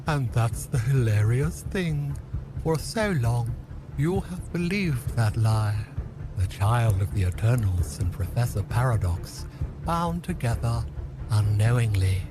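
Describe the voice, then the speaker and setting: In an audio drama, a man plays a gloating outcast schemer, taunting and theatrical, full of bitter grandeur and menace. His medium-pitched voice has lively intonation at a slow pace, with music clearly audible underneath.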